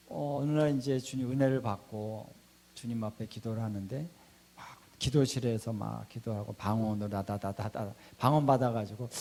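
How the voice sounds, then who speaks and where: Mellow-voiced Korean man preaching. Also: lowish voice. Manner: storytelling, acts out quoted prayers in a hushed voice. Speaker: pastor. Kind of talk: sermon with personal testimony.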